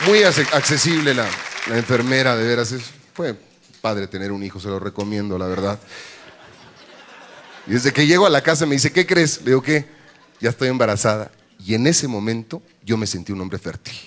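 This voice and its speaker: A man with a Mexican accent doing a bawdy stand-up comedy routine on a live stage, jumping into shrill high voices for punchlines. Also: animated, fairly quick, a bit bright. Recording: live stage with audience crowd and noise.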